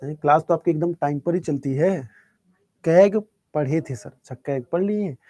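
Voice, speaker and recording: A man teaching a live online exam-prep class, speaking softly and unhurriedly while answering students' chat questions. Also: on the high side, no room sound. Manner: soft-spoken, calm and unhurried.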